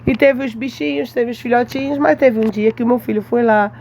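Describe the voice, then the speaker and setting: Brazilian woman, high gravelly voice, animated storyteller, devotional testimony, faint noise behind. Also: a little fast. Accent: Brazilian Portuguese. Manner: lively storytelling, acts out her mother's lines.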